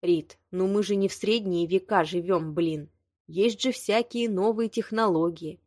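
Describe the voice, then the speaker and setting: A woman reading the lines of a blunt, hot-tempered young man, a lawyer, with a sharp, exasperated delivery. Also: medium pitch, measured pace, no echo, studio quality, lightly acted. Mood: wry. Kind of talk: audiobook dialogue reading.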